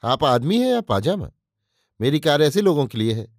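A man's voice: fairly high pitch, sing-song, moderate pace, dry recording, studio quality. A man voicing a callous, scornful rich host who speaks curtly and harshly. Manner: curt, dismissive and harsh.

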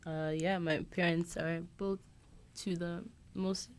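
Casting: young woman from Ghana, very low voice, chatty podcast guest. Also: little pitch movement, slow pace, clear, resonant tone. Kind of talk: casual podcast discussion.

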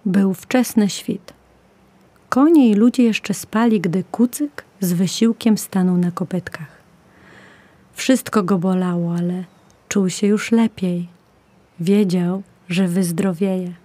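Woman storyteller, children's story, gentle measured read, slow pace, mellow voice, dry close recording. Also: medium pitch, dry recording. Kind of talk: scripted children's story narration.

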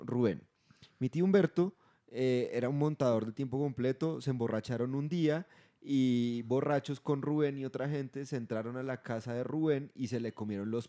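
Colombian guy on a podcast, warm mellow voice, tells stories all animated and laughing. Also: medium pitch. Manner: animated storyteller, laughs at his own tales. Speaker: podcast co-host. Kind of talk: casual chat.

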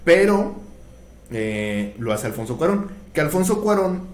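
On a podcast, a guest recounts film history anecdotes casually, with animated retelling and performed quotes. He has a fairly high-pitched male voice at a measured pace. There's an echoey room and faint background noise.

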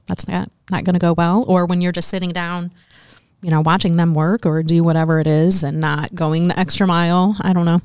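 A woman's voice: lowish voice, a little mellow, clean tone, no room sound, clean studio sound. A woman on a church staff podcast, chatty and storytelling, with frequent laughs. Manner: chatty, laughs often, quotes others. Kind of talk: casual storytelling chat.

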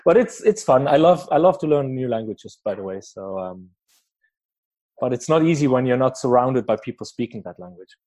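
Brisk and animated, a Swiss podcast host with a medium-pitched, dark voice interviews a guest in easygoing chat. He is not an English speaker, and his speech is full of fillers and restarts, with frequent laughter.

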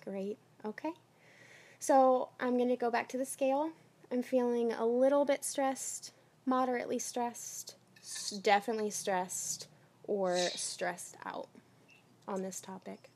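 Female life coach, slightly high voice, gently directive and encouraging in a one-on-one session. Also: unhurried.

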